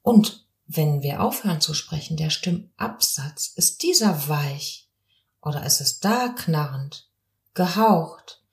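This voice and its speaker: A woman teaching about the voice in a podcast lesson, calm and explanatory, asking one question after another. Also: sits low, takes it slowly, creaky, reverberant. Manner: calm, explanatory, demonstrates voice sounds. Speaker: voice coach.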